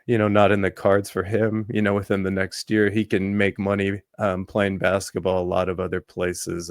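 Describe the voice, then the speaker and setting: A man hosting a sports podcast in casual talk, his voice worn from allergies, halting with many ums and restarts. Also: low-pitched, no echo. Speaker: podcast host.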